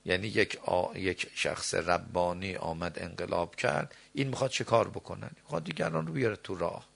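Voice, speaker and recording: A middle-aged man preaching a sermon, reciting verses and scripture and then explaining them, moving between slow deliberate phrases and quick asides. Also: low-pitched, fairly bright tone. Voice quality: gravelly.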